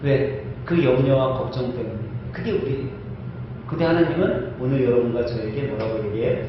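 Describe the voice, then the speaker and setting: A male pastor preaching an animated, conversational sermon, often asking the congregation questions, recorded in a church sanctuary. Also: mid-range voice, normal speed, background noise. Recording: echoey church hall, distant mic, dull.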